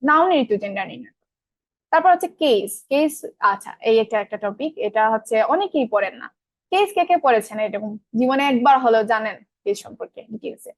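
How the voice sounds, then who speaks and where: A young woman teaches an online class at a rapid clip. Her voice sits on the higher side, and she keeps quizzing her students and answering herself. The recording is dry and close. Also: animated, no room sound. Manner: asks the class questions and answers them herself; colloquial, mixes in English terms. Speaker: English grammar teacher.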